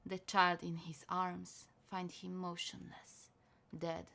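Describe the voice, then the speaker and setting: A Polish-speaking woman streamer reading poetry aloud, soft and giggly when she chats. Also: fairly low pitch, monotone, slow pace, creaky, slight background noise.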